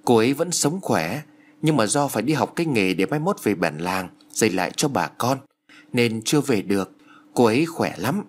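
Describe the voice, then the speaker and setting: A man's voice: medium pitch, sing-song, normal speed. A man voicing a polite, hesitant young man visiting a village, in a told ghost story.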